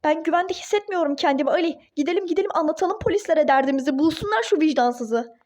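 A woman's voice: high voice, fast talker, a little mellow, natural voice. A woman voicing a furious, indignant young wife in a toy-game role-play drama, speaking in exclaiming outbursts. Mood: outraged.

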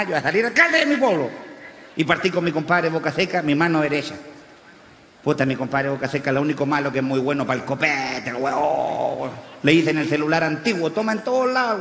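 Brief: a loud, crude country huaso from Chile, high-pitched and bright, on a reverberant live stage. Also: male voice, a little hiss or hum. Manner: brash, crude slang, shouty punchlines. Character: crude rowdy rural Chilean huaso man running for mayor. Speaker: comedian in character. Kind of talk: stand-up character monologue.

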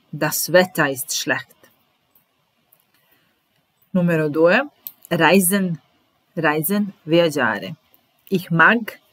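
Speaking with a bright, forceful tone on the low side, a woman walks Italian speakers through German vocabulary. She pronounces every word slowly, repeats it, and offers translations and example sentences, with no echo in the audio.

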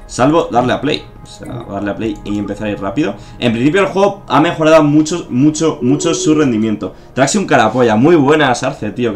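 A man with a Spain Spanish accent giving casual gameplay commentary, thinking aloud with fillers, swearing and joking. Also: mid-range voice. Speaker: gameplay streamer. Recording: faint game music behind. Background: faint game music.

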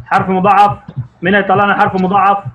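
A man with an Egyptian Arabic accent teaching young pupils online, encouraging them and quizzing them by name, stretching out words slowly as he reads. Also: high-pitched, monotone, fairly bright tone, highs cut off, a little hiss or hum. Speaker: primary school Arabic teacher.

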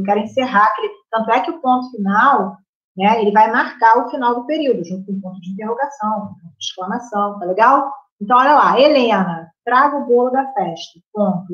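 A woman with a Brazilian Portuguese accent leads a live lesson, chatting and checking in with her students. Her voice sits a little high. The sound is roomy and a bit dull. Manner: chatty, checks in with the class by constantly asking "right?". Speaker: teacher. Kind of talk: live online grammar class. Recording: roomy, slightly muffled room sound.

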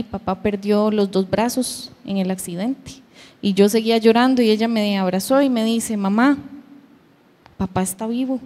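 A woman's voice: mid-range voice, dark tone. A woman, giving a heartfelt personal testimony at a church youth meeting and acting out her daughters' words. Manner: emotional storytelling, acting out her daughters' voices. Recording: long hall reverb.

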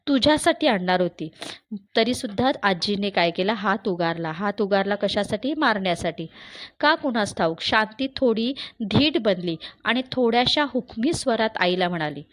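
Woman teacher of middle pitch who reads a story, then explains it with rhetorical questions. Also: lively intonation, normal speed.

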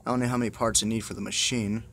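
A man with a low, slightly bright, level voice rattles off very fast, muttered commentary while playing a horror game. He's casual, exasperated, and swears freely, in a noisy amateur phone screen recording.

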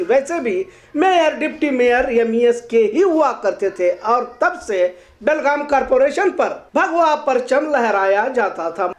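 A woman presenting a local news program, reading a scripted commentary in an earnest, moralizing editorial tone. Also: sits high.

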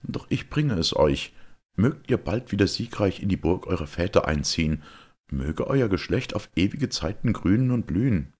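A man's voice: low voice, lively intonation, moderate pace, a little mellow, voice pushed up. Man doing an eager young knight. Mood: toasting. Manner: raised, ringing, earnest delivery. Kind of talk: audiobook character voice.

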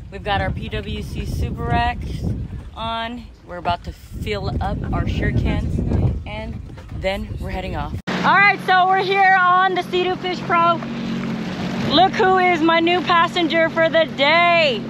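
A woman's voice: fairly high pitch, fairly even intonation, measured pace, heavy background noise. A woman hosting a travel vlog outdoors, chatting upbeat to her viewers and calling them y'all, recorded on an action camera or phone. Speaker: travel vlogger and host. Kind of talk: casual vlog narration to viewers. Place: outdoors at a marina and riding a jet ski on open water. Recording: background music under the voice. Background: music.

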